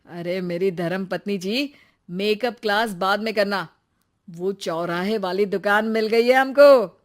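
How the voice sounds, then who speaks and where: A woman voicing a cheerful young husband and son in an animated cartoon. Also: medium pitch, unhurried, natural voice. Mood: excited.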